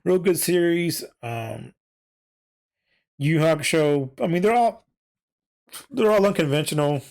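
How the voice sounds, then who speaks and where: A man's voice: fairly high pitch, expressive, unhurried, a little mellow. Rambling man with a tiring voice. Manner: rambling, many fillers and self-corrections. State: losing his voice. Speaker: podcast host and VTuber. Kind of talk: casual solo podcast chat.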